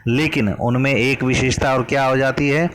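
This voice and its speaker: A man's voice: mid-range voice, fairly even intonation, normal speed, noisy background. A man teaching a grammar lesson from a worksheet, patiently explaining and drawing out vowel sounds as examples.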